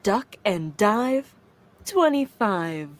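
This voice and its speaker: Slow woman calling bingo. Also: medium pitch, sing-song. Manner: slow, measured, evenly paced calling. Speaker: bingo caller. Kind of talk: calling bingo numbers with rhyming calls. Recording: loud music playing underneath.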